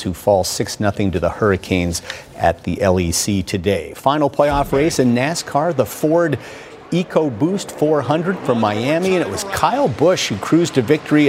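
A male sports anchor delivers scripted highlight commentary. His voice sits at a medium pitch, and there is noticeable ambient noise behind him.

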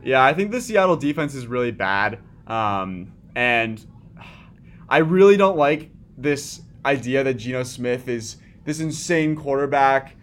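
In a mid-range, animated voice, the man runs the segments of a sports podcast at a measured pace. It's a casual conversation, and he restarts often and leans on filler words.

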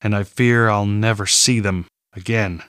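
A man voicing a weary man posing as a rural father, speaking low and earnestly in an audiobook reading. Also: fairly even intonation, measured pace, a bit bright, dry recording, studio quality.

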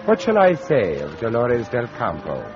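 An actor playing a graying, fatalistic writer near fifty, narrating an old radio drama in a literate, melodramatic way. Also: male voice, medium pitch, huge pitch swings, normal speed. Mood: wistful, ominous. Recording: dull lo-fi old radio recording. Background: prominent music.

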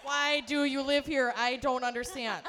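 A woman from upstate New York co-hosting a live podcast, brash and profane with deadpan jokes. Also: high-pitched, moderate pace, a faint crowd. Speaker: podcast co-host. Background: live audience.

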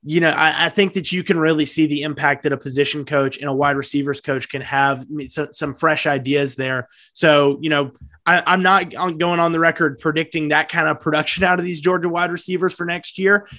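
A man co-hosts a football podcast in casual talk, his voice sitting a little high for a man. He stops and restarts often, leaning on fillers. The recording is close and dry, with no room sound. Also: steady tone, a little fast, sharp tone, no room sound. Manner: hesitant, many fillers and restarts. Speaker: sports podcast co-host.

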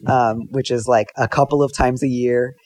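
A man's voice: medium pitch, fairly even intonation, moderate pace, a little mellow, no room sound. A man talks loosely as a podcast guest, in a mid-range voice with many "like"s and small laughs. The sound is dry and close. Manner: rambling, many fillers, laughs often. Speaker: advice columnist and food writer, guest. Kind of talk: casual podcast conversation.

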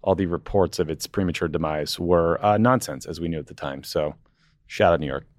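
A man's voice: deep voice, a little fast, no echo, studio quality. An American man co-hosting a podcast, speaking in casual chat and informal sign-offs. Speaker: podcast co-host.

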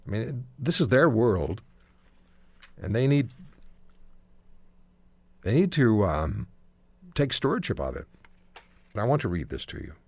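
A man's voice: mid-range voice, no room sound. A middle-aged man hosting a talk radio show, making his points firmly and repeating them.

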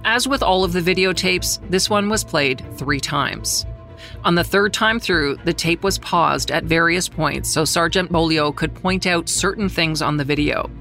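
Somber, gravelly true-crime narrator. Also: mid-range voice, pushed and bright, soft background music. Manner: measured and somber, slowing on grave details. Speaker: journalist who covered the trial, narrating.

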